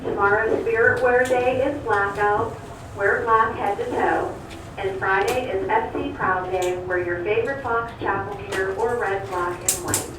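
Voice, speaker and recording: A woman reading the morning school announcements over an intercom, in a formal, steady, list-reading manner. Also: mid-range voice, a little slow, distant mic, background noise. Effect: over a school intercom loudspeaker. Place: school office, heard through a classroom speaker. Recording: echoey loudspeaker heard from across a classroom.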